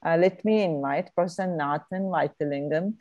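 A woman's voice: low-pitched, normal speed, dark tone, no echo, dull audio. A woman moderating an online talk, introducing the guest with frequent fillers and hesitations, speaking into an earphone mic on a video call. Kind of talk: formal introduction.

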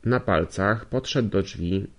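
A man reading a novel aloud as an audiobook, steady, with occasional slips he corrects. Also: lowish voice, slow pace. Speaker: audiobook reader. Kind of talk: audiobook narration.

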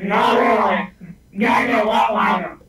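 A roleplayer voicing an abrasive, centuries-old military android that is a fox-bunny hybrid, talking brashly and often shouting. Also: mid-range voice, normal speed, heavy background noise, natural voice. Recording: very echoey, far from mic, loud music and crowd.

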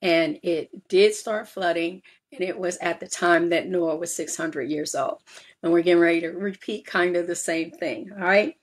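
A woman talking through a Bible passage in a relaxed, conversational way. She keeps checking in with "all right?" and "right?", drifts through "um"s, and moves between reading verses and explaining them as if to a small group. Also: fairly low pitch, moderate pace. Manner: reads scripture aloud then explains with frequent "all right?" and "um". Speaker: Bible study teacher.

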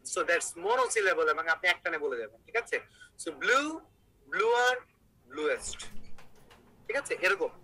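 A man's voice: sits high, pushed and bright, rough recording. A man teaching an online English grammar class, explaining step by step and asking his students questions.

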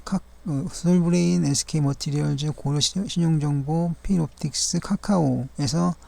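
A man with a gravelly, mellow, dark-toned voice walks through stock charts one by one. His delivery is measured and formal, with polite fillers and the occasional self-correction. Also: fairly high pitch. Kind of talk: daily stock chart review narration.

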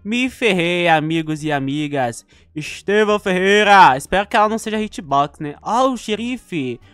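Excitable Brazilian young man, dry close sound. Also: high voice, normal speed, smooth, no echo. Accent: Brazilian Portuguese. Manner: excitable, chatty, dramatic outbursts at the game. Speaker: gaming YouTuber. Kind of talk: live gameplay commentary.

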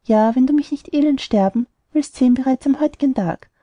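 A woman's voice: sits high, a little fast, dark tone, no echo. A woman voicing a lovesick, stubborn young man in an audiobook, delivering rhymed verse earnestly. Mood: determined.

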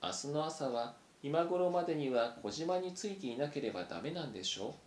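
A man's voice: fairly high pitch, animated, brisk, darkish tone, natural voice. A man voicing an earnest young female mouse. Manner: pleading, emotional. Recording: roomy echo.

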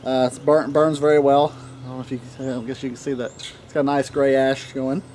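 A man talks in a casual, unhurried vlog style. His voice sits at an average male pitch, and he pauses often as he rambles. He is recorded outdoors a few feet from the camera, with light natural ambience and birds around him. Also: level tone, darkish tone, a little hiss or hum. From Tennessee, United States. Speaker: pipe tobacco reviewer. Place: outdoor wooden deck in a leafy yard. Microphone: camera a few feet away. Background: birds chirping, occasional dog barking.

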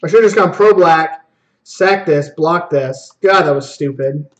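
A young man narrates his card game live, talking half to himself with quick asides and frequent self-criticism. His voice sits a little on the high side for a man, and his delivery is loose and conversational. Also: highs cut off. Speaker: streamer playing a card game. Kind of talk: live gameplay commentary.

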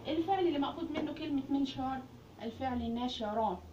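A woman's voice: sits high, fast talker, warm tone. Egyptian woman teaching grammar, roomy and distant. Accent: Egyptian Arabic. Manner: explains with questions she answers herself. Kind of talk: classroom grammar lesson. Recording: roomy, distant, muffled recording with faint hiss.

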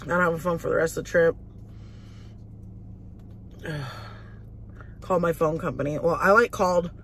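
In a parked car, a woman vlogger eats while recounting a casual story in a chatty, profane way, full of "like." Her lowish voice holds a steady tone at normal speed, with a little hiss or hum in the recording.

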